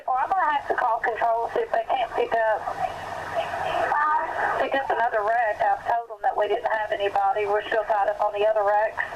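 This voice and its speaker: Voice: medium pitch, fairly even intonation, brisk. A radio dispatcher heard over a police scanner, speaking in terse, clipped radio codes. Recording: dull lo-fi scanner audio with heavy static.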